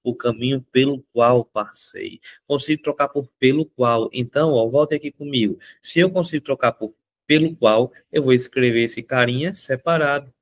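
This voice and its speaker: A man teaching a grammar lesson in a lively, coaxing way that repeats each point. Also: medium pitch, moderate pace. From Northeast Brazil. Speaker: Portuguese teacher.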